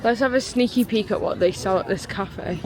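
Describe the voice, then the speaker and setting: A woman's voice: mid-range voice, normal speed, a crowd in the background. A woman chatting casually to a handheld camera as a travel vlogger, upbeat and rambling. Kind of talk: casual vlog chat. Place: outdoors in a city street and a small hotel bathroom. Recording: noisy outdoor street recording.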